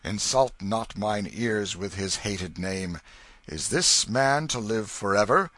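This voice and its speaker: A dying old king, played by a man thunders his commands in raised, loud, archaic speech. His pitch swings widely and the tone is bright, in a dry recording. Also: expressive, unhurried, dry recording. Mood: furious. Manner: archaic, imperious declamation.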